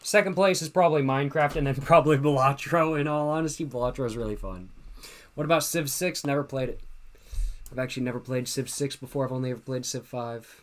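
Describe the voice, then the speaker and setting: A man's voice: mid-range voice, quick pace. A man in his twenties hosting a livestream, tipsy and laid-back, answering chat questions in a slangy way and repeating his phrases. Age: 20s. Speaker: livestream host. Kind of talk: casual livestream chat reading viewer questions.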